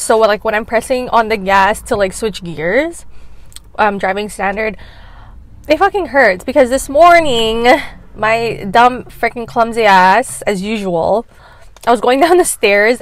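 Young girl vlogging from her car, rambling, swearing, saying like constantly. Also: fairly high pitch. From Canada. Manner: chatty, swears often, fills with "like", laughs a lot. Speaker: mukbang vlogger. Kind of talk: casual chat while eating. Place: inside a car, cars passing outside. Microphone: camera in a car.

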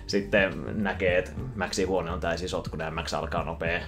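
A man casually retelling a cartoon film from memory, animated and quick to slip into voices. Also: deep voice. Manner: animated, breaks into voices and laughter. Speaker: YouTuber.

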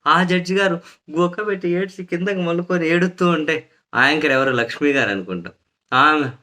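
Guy ranting political commentary, sarcastic and mocking, forceful bright voice a bit high. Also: brisk.

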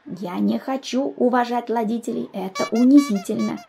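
A woman voicing a plump, stubborn schoolboy who lisps and pouts, speaking slowly. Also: fairly high pitch, vocal fry, dark tone, soft background music. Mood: sulky insistent. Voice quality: lisping, says l for r. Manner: slow, pouting delivery.

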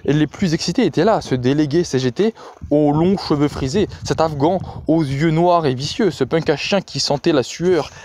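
A man's voice: a little high, normal speed, a little mellow, slight background noise. A man reading novel excerpts aloud, dramatic, with occasional hesitations and restarts. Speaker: reader.

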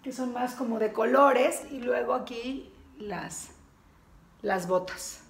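A woman in her thirties gives a chatty, upbeat walk-through of her house, speaking into a handheld camera held close as she moves from room to room. Her voice is a little high and she talks slowly. The rooms are echoey and background noise comes through clearly.

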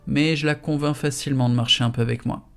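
A man's voice: mid-range voice, fairly even intonation, fast, creaky, fairly bright tone, clean tone. A man reading a novel aloud in the first person, in a casual, slangy storytelling manner. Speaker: audiobook reader.

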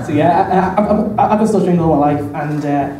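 An eighteen-year-old man performs stand-up on a small, dark club stage, stuttering and repeating words, nervous and self-mocking, chuckling at his own jokes. His voice is fairly high and quick, with a loud crowd. He uses a handheld mic, taped from far back in an echoey room full of noise.

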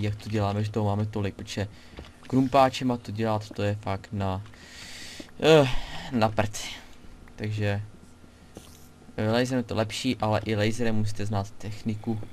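A young man with a fairly low voice chats casually as he plays, narrating each move and talking straight to his viewers. His delivery is loose and conversational. A faint hiss sits beneath the recording. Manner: chatty, talks to himself and viewers while playing. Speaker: let's play gamer. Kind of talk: casual gameplay commentary.

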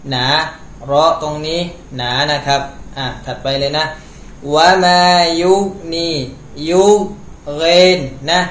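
A man with a voice on the high side and a bit bright takes his time teaching Quran recitation. After reciting each phrase, he patiently lays out the pronunciation rules in a step-by-step lesson. The setting is a room at home that sounds echoey, with a faint hum of noise.

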